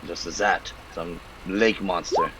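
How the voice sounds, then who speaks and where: A man voicing a male half-orc town speaker who addresses adventurers in stiff, formal speech with a gruff edge. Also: deep voice, unhurried, noisy background, pitched below the performer's own voice. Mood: courteous.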